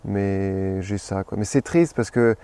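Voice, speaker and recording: A man in his thirties in a comedy sketch interview, playing a self-important actor in a deadpan manner. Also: fairly low pitch, takes it slowly, clear, resonant tone. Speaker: comic actor persona being interviewed.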